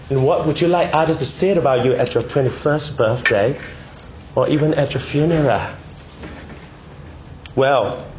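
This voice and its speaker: Speaking to an audience in an echoey indoor room with faint background noise, a Malaysian man gives a prepared, sermon-like talk in measured phrases, often posing questions to listeners. His pitch is average, and he is recovering from a bad cold with one ear blocked. The highs in the recording are cut off.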